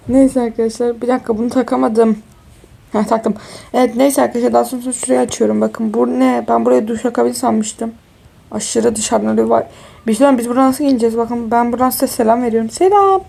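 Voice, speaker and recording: A woman's voice: on the high side, flat delivery, brisk, vocal fry, warm tone. A tired young woman chatting casually through a life-sim game, exclaiming and talking to her viewers as friends. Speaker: gaming YouTuber. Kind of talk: casual game walkthrough commentary.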